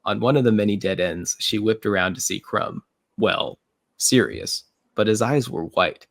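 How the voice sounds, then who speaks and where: A man narrating a fan story read-through in an even reading manner, with occasional slips. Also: fairly low pitch, moderate pace, vocal fry, dry recording, clean studio sound.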